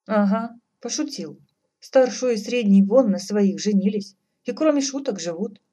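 Earnest young tsarevich, steady and stubborn, voiced by a woman. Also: medium pitch, moderate pace, slightly rough, pitched above the performer's own voice, natural voice.

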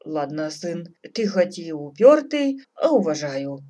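A woman voicing a gruff, grumbling old tsar who blusters at his stubborn son. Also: fairly low pitch, very animated, unhurried, warm tone.

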